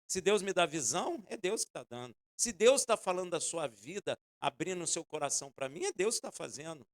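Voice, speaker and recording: A Brazilian man preaching with a high, gravelly voice. His delivery is animated and dramatic, rising and falling widely as he presses his congregation for an amen. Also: a little fast. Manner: asks the congregation for "Amen?" responses. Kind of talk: sermon.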